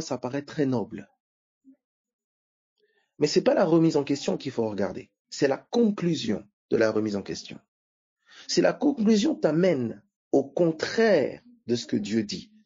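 A man preaching a sermon, teaching slowly and checking his listeners with frequent questions. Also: a little high, dark tone, slightly rough. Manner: teaching, repeating key phrases, checking listeners with "d'accord?". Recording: dull lo-fi sound.

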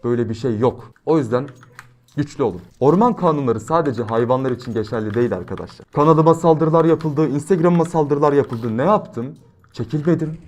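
A young man commentating his gameplay, brash and slangy, switching between loud outbursts and quiet, reflective motivational talk. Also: medium pitch, expressive, a little fast. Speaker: gaming YouTuber.

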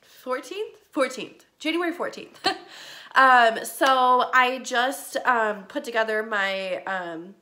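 A woman's voice: a little high, slow pace, pushed and bright. Chatty woman with a stuffy cold. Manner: chatty, rambling with many ums. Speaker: vlogger. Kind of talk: casual diet vlog.

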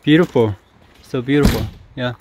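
A man's voice: mid-range voice, normal speed, very noisy. A man with a Korean accent hosting a casual interview, speaking English as a second language, laughing often and asking short questions. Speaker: vlog host interviewing.

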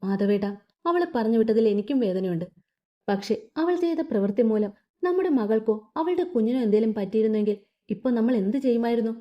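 A woman's voice: fairly high pitch, fairly quick, natural voice. A tearful middle-aged mother pleads her case, pained but firm, as a woman reader does her. The sound is dull and lo-fi.

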